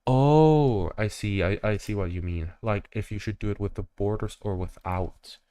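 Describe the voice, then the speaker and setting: A man's voice: on the low side, normal speed, warm tone, no room sound, studio quality. Rambling young male game streamer. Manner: rambling, jokey, many fillers. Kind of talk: casual live-stream commentary.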